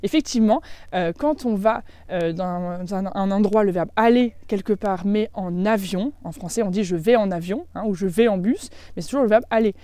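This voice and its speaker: A woman from France with a French accent, giving a casual online German lesson, chatting freely and slowing right down to model German phrases. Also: mid-range voice, warm tone, no echo. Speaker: German language teacher.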